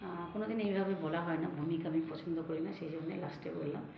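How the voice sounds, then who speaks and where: A middle-aged woman with a hoarse voice, chatting casually to her viewers in a lifestyle vlog while out near home. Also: on the low side, very fast, lo-fi sound. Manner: chatty, addresses viewers directly. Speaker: lifestyle vlogger. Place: out and about near home and shops. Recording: loud background noise.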